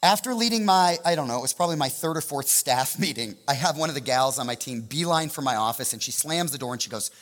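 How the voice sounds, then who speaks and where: A male pastor delivers a sermon, swinging his pitch widely as he tells stories and asks the audience rhetorical questions. His voice is bright and sits a bit high. It rings with the long reverb of a large church hall. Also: fast, hardly any pauses. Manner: animated storytelling with rhetorical questions.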